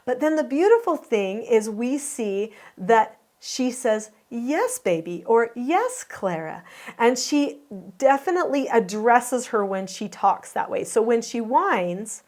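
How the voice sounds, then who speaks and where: A woman with a somewhat high voice, talking to viewers as a parenting teacher. She explains a home video in an earnest, step-by-step way and now and then asks her audience questions. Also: measured pace, darkish tone.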